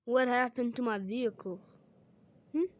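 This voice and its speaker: A woman improvising comedic game role-play, playful and prone to loud screams. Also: fairly high pitch, steady tone, normal speed, a little hiss or hum. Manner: playful, screams loudly at mishaps. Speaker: gameplay narrator.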